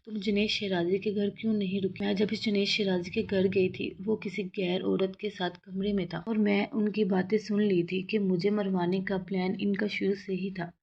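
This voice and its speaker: A woman's voice: medium pitch, little pitch movement, vocal fry, few pauses, husky, highs cut off. A woman reading the part of a young mother, hurt and defiant, speaking through tears. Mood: tearful account. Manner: tearful, pleading and sharp.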